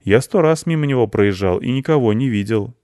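A man's voice: medium pitch, animated, brisk, warm tone, no room sound, studio quality, natural voice. A man voicing a mild, reasonable young schoolboy in a storybook. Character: shy, proud young schoolboy. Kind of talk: audiobook character voice.

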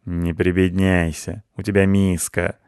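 A man's voice: deep voice, little pitch movement, a little slow, a little mellow, smooth, no room sound, clean studio sound. A man voicing a cheeky, teasing grey tomcat.

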